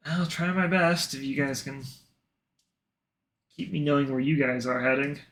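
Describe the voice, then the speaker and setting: A man voicing a weary male elk barbarian warrior, speaking slowly in a tired, resigned way during a tabletop game. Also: medium pitch, natural voice. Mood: calm. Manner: tired, measured, quietly resigned. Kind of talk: tabletop role-play.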